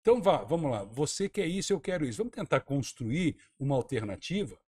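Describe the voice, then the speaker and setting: This Brazilian man from Santa Catarina, once the tourism minister, is a guest on a radio talk show, arguing his points forcefully. His voice is husky, lively, a little high, and brisk, and he repeats words as he thinks.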